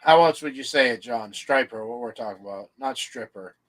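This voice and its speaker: A man's voice: mid-range voice, fast talker, rough recording. A man chatting casually and informally with others on a live group stream. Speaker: participant in a live group chat. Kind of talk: casual chat.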